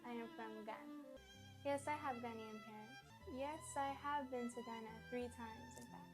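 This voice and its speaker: A woman's voice: on the high side, moderate pace, music in the background. A young female interviewee answering questions in a casual, chatty way.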